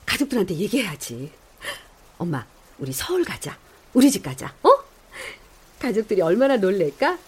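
A woman's voice: medium pitch, normal speed, slightly rough. A middle-aged woman playing an emotional, talkative daughter who is overjoyed to find her mother again, in an audio drama. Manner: emotional, chatty, animated.

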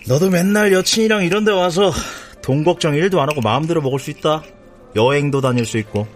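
An actor playing a smooth-talking young recruiter who acts like a friendly older brother, chummy and persuasive. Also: male voice, a little high, fast, soft background music, natural voice. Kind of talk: TV drama acting.

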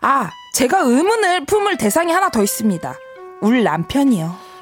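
A woman's voice: high voice, very animated, normal speed, faint music behind. A woman narrating a comedic sketch in a wry, playful way. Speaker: narrator and daughter.

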